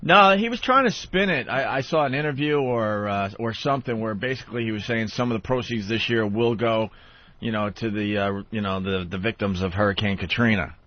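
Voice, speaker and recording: A man's voice: lowish voice, fairly quick, muffled recording. A male radio host talking in casual banter, chatty and emphatic. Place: radio studio.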